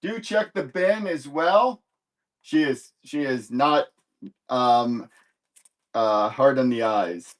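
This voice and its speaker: A man's voice: mid-range voice, slow, pauses often. A man hosting a live comic book sales stream in casual chat, rambling and easygoing as he corrects himself and cracks light jokes.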